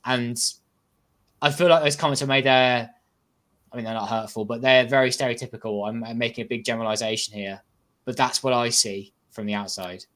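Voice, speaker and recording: Measured man giving his football view. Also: mid-range voice, steady tone, a bit bright. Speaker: podcast co-host. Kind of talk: casual football discussion.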